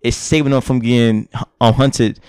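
A man in casual podcast chat, animated and slangy, swearing and often tacking "son" onto his lines. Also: medium pitch, moderate pace, clean tone, no echo, clean studio sound.

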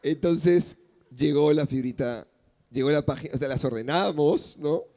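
A man's voice: a little high, normal speed, dark tone. A male comedian, telling a story on a live comedy podcast and acting out the dialogue.

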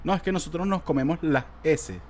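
A man's voice: a little high, a little fast, a little mellow, a little hiss or hum. A man, chatting casually in a slangy, joking way. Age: 20s. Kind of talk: casual chat.

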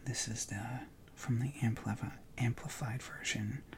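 Gravelly whispering man leading prayer. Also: mid-range voice. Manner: soft whispered delivery with long pauses; relaxed, informal asides. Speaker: prayer leader. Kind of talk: guided contemplative prayer.

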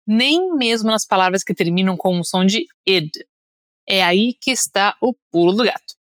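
On a podcast lesson, an upbeat young pronunciation teacher from Brazil, with a Brazilian Portuguese accent, guides listeners through drills. She speaks expressively at a moderate pace in a medium-pitched voice. The audio is studio quality with no room sound.

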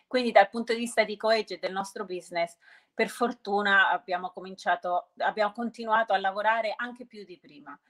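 Female interview guest, medium pitch, halting and rephrasing as she explains, peppering answers with English jargon. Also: steady tone, a bit bright. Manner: hesitant, often restarting and rephrasing mid-sentence; mixes English business terms into Italian. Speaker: interview guest, sustainability entrepreneur.

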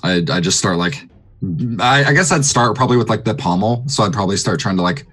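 A man's voice: lowish voice, quick pace, a bit bright, husky. A man playing a tabletop role-playing game, talking casually and hesitantly, often trailing off and restarting. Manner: rambling, hesitant, with many restarts and fillers. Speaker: player.

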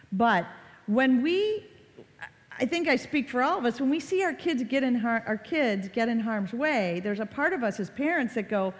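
A woman in her forties speaks to an audience of parents and children, lively and conversational as she acts out little family scenes. Her voice sits a touch high. A long reverb trails behind her, as in a big hall. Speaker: child safety presenter. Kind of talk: live presentation to parents and kids.

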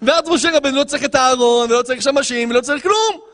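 A man, a rabbi, giving an animated Torah lesson, acting out scenes and firing rhetorical questions at listeners. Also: very high-pitched, long reverb tail.

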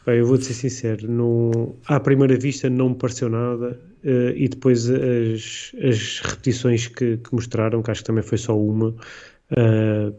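Dark-voiced Portuguese man on a dull line. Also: medium pitch, flat delivery. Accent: European Portuguese. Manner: hesitant, halting with fillers. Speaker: co-host of a football club podcast. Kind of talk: casual football analysis chat.

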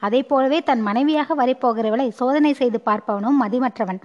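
A woman's voice: high-pitched, normal speed, darkish tone, big-room sound, natural voice. A woman voicing a stern aging king who lectures his son, on a muffled recording.

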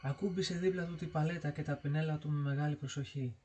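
A man narrating a ghost story from a book, reading in a steady, measured way. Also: fairly high pitch, a little hiss or hum. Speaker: audiobook narrator.

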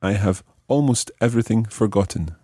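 In a dry, close recording, a man with a low, clear and mellow voice leads a deliberate language lesson. He shifts back and forth between explaining points and offering examples in French.

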